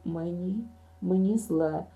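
A woman reading an audiobook, voicing an unwell girl who mumbles the same words flatly and stubbornly. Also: on the low side, slow, poor audio. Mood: dazed. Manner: mumbling, flat and insistent. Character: dazed sick girl, quiet and stubborn.

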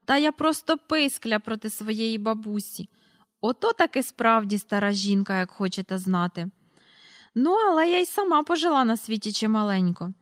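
A woman voicing a tiny, very old shopkeeper woman with a squeaky voice, in a read-aloud storybook. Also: expressive, moderate pace, dry recording, clean studio sound, natural voice. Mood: chatty. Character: tiny ancient shrill old woman shopkeeper, sharp-tongued.

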